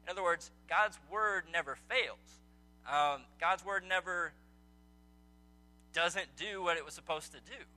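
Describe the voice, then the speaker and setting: A high-pitched man with a sharp tone speaks at a measured pace, pausing often, with faint music in the background. He's running an evening Bible study in an indoor meeting room, conversationally questioning his small group with many ums.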